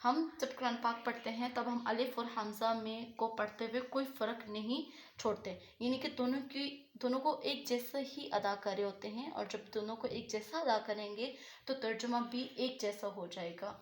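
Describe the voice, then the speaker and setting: A woman with a somewhat high voice explains Quran pronunciation step by step. She asks a question, then answers it and repeats the answer. The room rings with echo. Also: normal speed. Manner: repeats her own questions and answers them. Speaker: Quran recitation teacher. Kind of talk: explanatory tajweed lesson.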